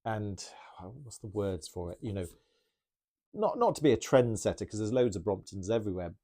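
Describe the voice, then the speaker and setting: Casting: chatty male bike mechanic, low mellow voice, enthusiastic rambling Q&A. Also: expressive, moderate pace. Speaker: bike mechanic answering viewer questions. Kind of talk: casual Q&A talk.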